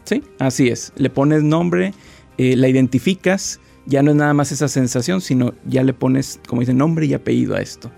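A man appearing as a guest therapist, calmly explaining how to handle anxiety in an interview. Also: mid-range voice, moderate pace, vocal fry, faint music behind. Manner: calm, explanatory.

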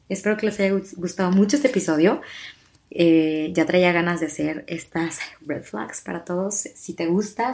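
Young mexican girl rambling on her podcast, kinda low voice, lots of "o sea" and restarts. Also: a little mellow. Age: 20s. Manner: chatty and confiding, many fillers and restarts. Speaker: podcast host. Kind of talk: casual personal podcast monologue.

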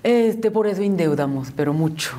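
With crowd noise around her, a young Korean woman from South Korea talks at normal speed in a lowish, expressive voice. She's a guest in a casual interview, speaking Spanish as a second language with a Korean accent, full of restarts and repeated words.

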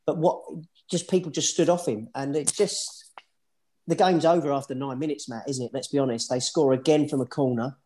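A man co-hosts a casual football podcast in a blunt, exasperated way, piling up repeated words as he talks things through. His voice sits at an everyday middle pitch. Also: fairly even intonation, normal speed, dark tone. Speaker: podcast co-host.

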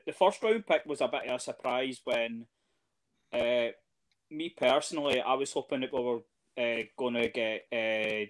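A man talks in a relaxed, conversational way, mid-pitched. He hesitates a lot, filling gaps with ums and starting sentences over. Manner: hesitant, lots of fillers and restarts. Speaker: podcast guest, fan. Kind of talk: casual chat.

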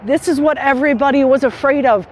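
A woman's voice: high voice, quick pace, a little hiss or hum. A woman news correspondent recalling events in an emphatic way. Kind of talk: interview recollection.

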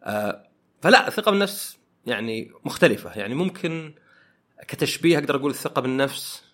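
A man hosting a podcast, talking through ideas in a thoughtful way and often pausing to search for words. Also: medium pitch, big pitch swings, a bit bright. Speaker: podcast host. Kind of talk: reflective podcast monologue.

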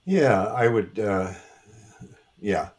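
A man hosting an interview, asking friendly questions with many hesitant pauses. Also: lowish voice, expressive, darkish tone. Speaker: podcast host.

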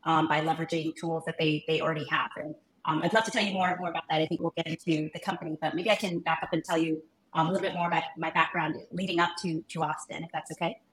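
A Ghanaian woman in her thirties, a physician who became a founder, is a guest in a casual interview, talking with lots of ums and restarts. Her voice is fairly low yet fairly bright, and the room adds an echo.

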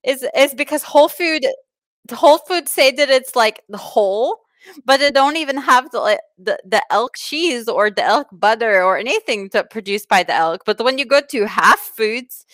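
A woman playing a foreign self-care adviser who speaks in broken, halting English with many restarts. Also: sits high, fairly bright tone, no echo. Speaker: comic advice giver. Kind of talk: improvised comedy bit.

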